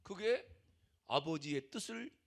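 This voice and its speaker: An older male pastor preaching with emphasis, his high voice rising and falling widely. He piles up repeated rhetorical questions, and a gravelly rasp runs through his delivery. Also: lively intonation, takes it slowly. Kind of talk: sermon.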